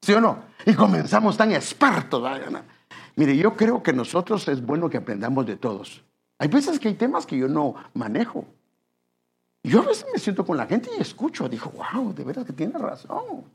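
A man's voice: on the high side, huge pitch swings, normal speed, creaky, breathy edge. A man preaching a sermon, chatty, asking his listeners questions and calling them brother. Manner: conversational, addresses listeners as brother, asks questions.

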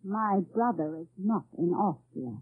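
A woman's voice: mid-range voice, expressive, a little slow, slightly rough, no echo. An actress playing a guarded, subdued young woman with terse delivery, in an old-time AM radio drama. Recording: tinny, dry old AM radio recording.

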